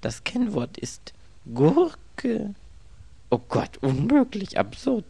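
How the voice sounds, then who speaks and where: A man's voice: mid-range voice, huge pitch swings, unhurried, creaky, a little mellow, voice pushed up, heavily acted. A man voicing an irritable, bewildered young writer who grumbles and mutters in exasperation.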